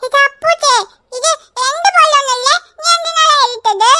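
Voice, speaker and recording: A squeaky, piercingly bright cartoon girl, stubborn and possessive. She whines and sobs through her pleas, her tiny voice pitched extremely high and sharp. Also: unhurried, full character voice. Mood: whiny stubborn. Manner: whining, crying pleas. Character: stubborn little schoolgirl, whiny and possessive. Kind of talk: cartoon voice acting.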